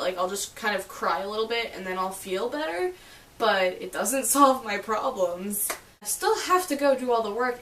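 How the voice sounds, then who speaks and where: A woman's voice: mid-range voice, a bit bright. A woman talking to camera in a casual, self-deprecating vlog, chatty and emphatic. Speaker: vlogger. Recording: echoey room, mic at a distance, faint hiss.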